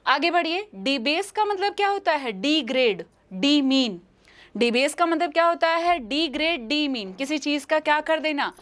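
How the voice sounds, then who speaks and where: A young woman with an Indian accent teaches a live English exam-prep class in a high, fairly bright, animated voice at normal speed. She repeats each question and its answer and calls her students "beta."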